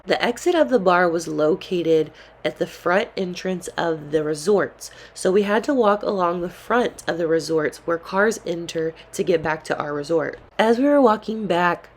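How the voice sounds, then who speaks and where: Lower-voiced young woman telling a story. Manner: calm, earnest storytelling with casual slang. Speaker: vlogger. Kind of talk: storytime narration.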